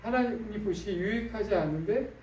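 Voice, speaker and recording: A man's voice: sits high, a little fast, a little mellow, lo-fi sound, a little hiss or hum. A male pastor preaching a sermon in a conversational way, with fillers and questions to the congregation. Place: church sanctuary. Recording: echoey room, distant mic.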